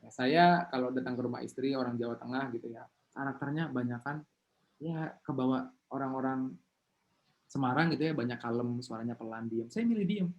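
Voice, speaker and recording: A man giving an online seminar talk as a motivational coach over a video call. He is animated and leads his audience in call-and-response. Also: medium pitch, fairly quick, lo-fi sound.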